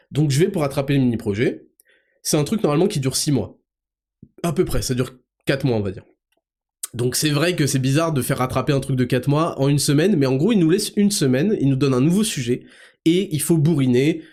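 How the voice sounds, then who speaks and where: A man hosting a podcast, telling a personal story in a rambling, colloquial, animated way. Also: medium pitch. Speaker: podcast host. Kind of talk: casual storytelling to listeners.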